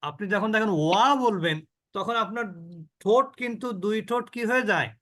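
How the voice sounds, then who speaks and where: A man teaching an online recitation class, drawing out each sound slowly and quizzing his students. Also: high voice, fairly bright tone. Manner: slow drawn-out demonstrations of sounds, asks the class questions.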